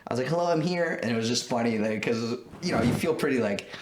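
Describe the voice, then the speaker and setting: A man with a Quebec French accent, telling a profane, rapid-fire story on a casual podcast and acting out the voices of the people in it. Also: mid-range voice. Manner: rapid, profane, acts out voices in his stories. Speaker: podcast host. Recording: roomy echo, faint noise.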